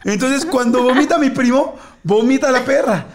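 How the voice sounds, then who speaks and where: A man with a Mexican Spanish accent, a podcast host telling a family story in casual chat, acting out voices with shouts and laughter. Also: extremely high pitch, normal speed, a crowd in the background.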